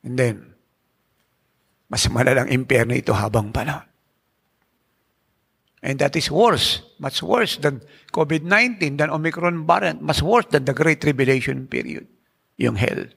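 A man's voice: fairly high pitch, unhurried, vocal fry, pauses often, fairly bright tone, husky. A male pastor preaching a sermon emphatically, asking the congregation rhetorical questions and mixing in English phrases.

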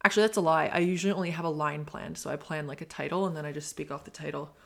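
A woman's voice: sits low, fairly even intonation, very fast, gravelly. A woman in her twenties hosting a solo podcast, talking in an earnest, reflective and rambling way with many fillers. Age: 20s. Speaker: podcast host. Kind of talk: casual solo podcast monologue.

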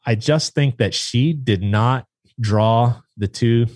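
A man casually telling a long story about training his hunting dog, rambling and animated, acting out what people said. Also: medium pitch, slow, no echo. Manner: rambling, animated retelling with acted-out quotes. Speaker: guest, duck hunter and dog trainer. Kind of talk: casual storytelling in a podcast chat.

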